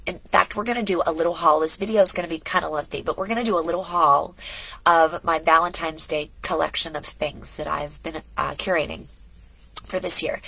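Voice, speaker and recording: Recorded roughly in a home studio, a middle-aged woman vlogs about lifestyle topics in a rambling, chatty way full of asides and restarts. Her fairly low voice has vocal fry, a bright, forceful tone and slight roughness, and she sounds a little stuffed up from a cold.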